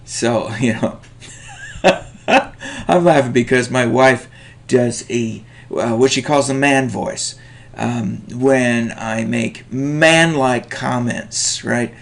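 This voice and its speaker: Gravelly-voiced man giving a lecture. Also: medium pitch, slow. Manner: animated, chuckling asides, many fillers. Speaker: teacher.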